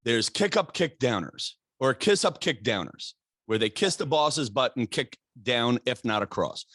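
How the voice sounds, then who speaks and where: A middle-aged man hosting a podcast interview, talking in an animated, halting way with restarts and fillers. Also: mid-range voice, dry recording, clean studio sound. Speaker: podcast host. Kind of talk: casual interview chat.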